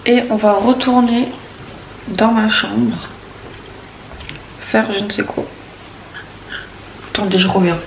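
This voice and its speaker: A woman's voice: medium pitch, steady tone, takes it slowly, vocal fry, pauses often. Rambling young woman with a sore throat. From Paris region, France. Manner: rambling, hesitant, many restarts and fillers. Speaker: vlogger. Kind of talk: casual morning chat to camera. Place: at home, indoors. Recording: echoey room, voice far from mic, faint hum.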